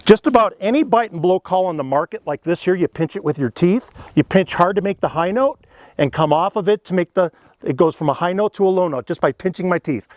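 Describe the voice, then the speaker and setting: A man's voice: high voice, animated, fairly quick, very noisy. Earnest folksy man teaching elk calls. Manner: folksy, earnest, explains step by step with "you know" and "okay". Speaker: elk calling instructor. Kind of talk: casual instructional demonstration.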